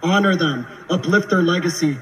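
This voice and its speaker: Brief: young man addressing an outdoor rally, pitched high and pushing, heard from far off through a roomy, echoing space. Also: moderate pace. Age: 20s. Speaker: speaker at a rally. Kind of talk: public speech to a crowd. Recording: echoey distant rally recording.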